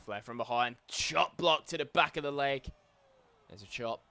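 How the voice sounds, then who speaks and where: A man giving excited play-by-play commentary over a wrestling video game, calling each move as it happens with frequent exclamations. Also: mid-range voice, moderate pace, smooth.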